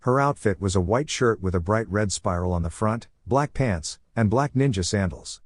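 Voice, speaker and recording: A man narrating a fan fiction story in an even storytelling read, voicing every character himself. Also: fairly low pitch, moderate pace, no echo, studio quality.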